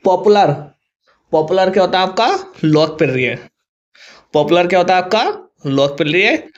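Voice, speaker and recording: A man's voice: sits high, moderate pace. A male teacher with a Hindi accent explains confused English words to students, spelling them out letter by letter. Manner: spells words out letter by letter, often says 'thik hai'. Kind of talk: vocabulary lesson to students. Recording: dull lo-fi recording.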